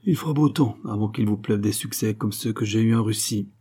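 A man's voice: lowish voice, brisk, warm tone, lightly acted. A man reading an audiobook, voicing a prim, sulky older actress with a haughty, huffy manner.

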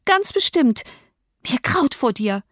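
A woman reading an audiobook, voicing a naive young lady who speaks in a high, pleading, reproachful way. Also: very animated, slow pace, a bit bright, no room sound, clean studio sound, heavily acted. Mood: indignant.

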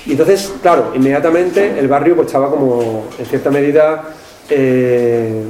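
With crowd noise around him, a Sevillian man presents his book on anthropology in a public talk, speaking at a moderate pace in a medium-pitched voice. His accent is Andalusian with a bit of Catalan coloring, and he wanders through his points with fillers and tag questions. The recording has echo and faint background noise.

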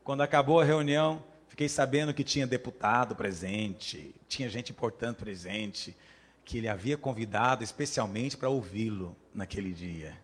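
A man with a Brazilian Portuguese accent preaching a sermon as pastor, telling stories and acting out voices, swinging from quiet asides to loud emphatic peaks. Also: on the low side, normal speed, husky.

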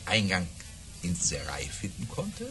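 An actor playing a boastful baron who spins tall tales with theatrical pauses and grand flourishes in a children's audio drama. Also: male voice, deep voice, wildly swooping pitch, background noise, full character voice. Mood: grand storytelling.

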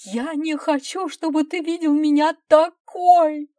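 A woman's voice: steady tone, slow, warm tone, no room sound, studio quality. A woman voicing a desperate young wife who screams through a locked door in an audiobook story. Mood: despairing. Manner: shrill screaming, drawn out. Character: young wife, suddenly aged, desperate and hysterical.

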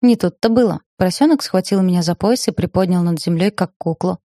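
Low, mellow woman reading wryly. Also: fast talker, dry recording, clean studio sound. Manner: wry, ironic storytelling. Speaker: audiobook narrator. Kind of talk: first-person audiobook narration.

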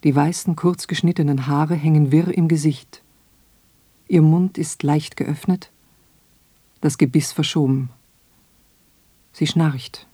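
A woman reading her own radio essay in a slow, measured, reflective way. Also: low-pitched, dark tone, breathy edge, dry recording. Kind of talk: scripted radio essay narration.

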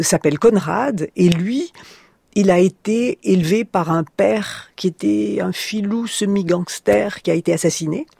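An older French woman, a publisher, telling stories in a radio interview, lively and full of hesitant fillers, with a husky, gravelly voice. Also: on the low side, no echo. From France.

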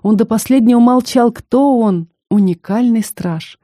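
A woman narrating a first-person fantasy audiobook in an even, measured way. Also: fairly high pitch, no echo, studio quality.

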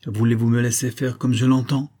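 A man's voice: medium pitch, flat delivery, fairly quick, mellow, close to an everyday voice. A man voicing a scheming army major who talks in a cool, taunting way. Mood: calm scheming. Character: scheming, mocking adult male major.

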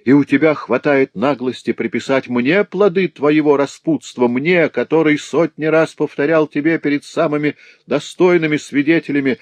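A man voicing an enraged, hypocritical middle-aged notary who shouts slow, venomous insults. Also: mid-range voice, dry recording, voice pushed up, natural voice.

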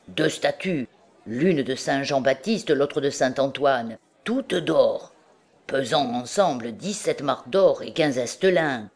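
A woman's voice: rumbling low, darkish tone, heavily acted. Know-it-all goldsmith thief read by a woman, matter-of-fact, listing, audiobook.

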